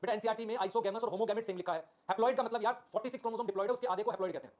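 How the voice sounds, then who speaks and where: A man teaching a biology class live online, repeating key terms and asking "okay? clear?" while calling his students children. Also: sits high, steady tone, very fast, darkish tone. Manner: addresses students affectionately as children.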